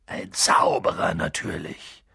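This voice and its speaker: A man voicing a huge gruff half-giant gamekeeper who rumbles low and then bursts into outrage. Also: little pitch movement, slow, bright, forceful tone, no echo, clean studio sound, heavily acted.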